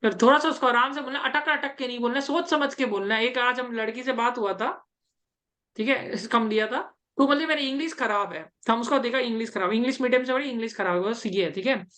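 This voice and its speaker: Woman interview coach, fairly high voice, chatty and repetitive. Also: brisk, a bit bright. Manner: chatty, repetitive reassurance, mixes English terms into speech. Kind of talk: casual coaching talk.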